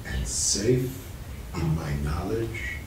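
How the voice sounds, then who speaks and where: Guy doing a calm shrink asking questions, lively pitch, far from the mic. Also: drawn-out words, noisy background, exaggerated voice. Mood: probing. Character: calm, probing male psychiatrist. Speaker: therapist in a sketch. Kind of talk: improvised role-play. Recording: echoey room, distant mic.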